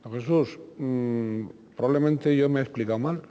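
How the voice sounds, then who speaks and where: A male TV interviewer asking questions in a formal, courteous, measured way. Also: mid-range voice, mellow. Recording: long hall reverb.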